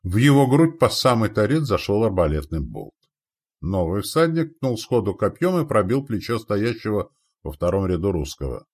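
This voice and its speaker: Deep-voiced man reading dramatically. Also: very animated, moderate pace, a little mellow, husky. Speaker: narrator. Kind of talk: audiobook narration of a war novel.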